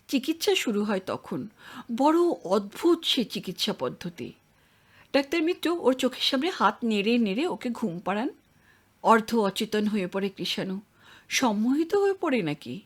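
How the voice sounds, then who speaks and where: A woman narrating a literary audio story in a measured reading voice. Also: fairly high pitch, big pitch swings.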